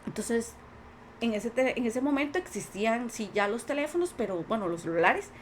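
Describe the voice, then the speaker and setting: A higher-pitched woman with a Costa Rican accent speaks earnestly, recounting her own story in a relaxed conversation. She slips into the voices of the people she quotes, and a faint hiss sits under her voice. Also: moderate pace. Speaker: podcast guest. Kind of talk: personal testimony in conversation.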